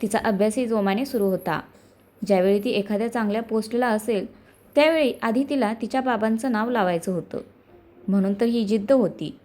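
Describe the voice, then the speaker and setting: A woman's voice: medium pitch, brisk, dark tone. Woman narrating a family story.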